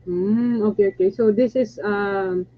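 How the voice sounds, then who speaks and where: Halting Filipino woman host on a call. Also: medium pitch, steady tone. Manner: hesitant, many fillers and restarts. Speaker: host, coach. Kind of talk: casual online interview, Taglish. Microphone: video call. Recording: dull lo-fi call audio with faint hum.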